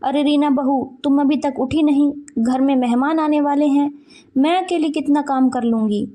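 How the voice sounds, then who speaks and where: A woman voicing a worried, patient middle-aged mother-in-law who gently pleads with her daughter-in-law. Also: high voice, unhurried.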